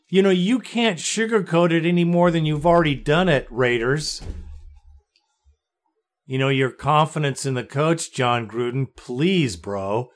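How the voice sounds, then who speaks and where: An American man hosting a sports fan podcast, talking in a blunt, exasperated, slangy way. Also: on the high side. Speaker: podcast host.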